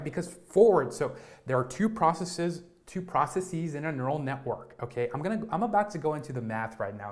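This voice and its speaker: Young man in his twenties, slightly high voice, energetic live-stream tech lesson, keeps checking in with listeners. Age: 20s. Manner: energetic, repeats words and asks "right?" and "okay?".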